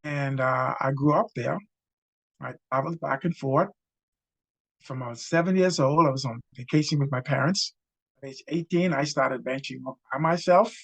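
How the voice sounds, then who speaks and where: A man's voice: on the high side, creaky, husky, low-quality recording. An older Bahamian man hosting a casual travel talk to camera, enthusiastic and repeating himself as he goes. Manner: chatty and enthusiastic, repeats words. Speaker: host. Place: indoors with a virtual city backdrop. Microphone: webcam framing, head and shoulders.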